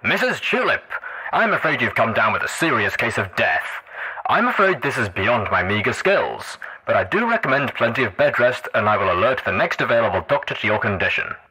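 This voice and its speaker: Man voicing a robot hospital attendant, tinny, chipper, fussy, bright sharp tone, lively sing-song pitch. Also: fairly quick, breathy edge, heavily acted. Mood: cheery. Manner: polite bedside chatter, fussy. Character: cheerful robotic male hospital attendant, oblivious. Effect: tinny speaker sound.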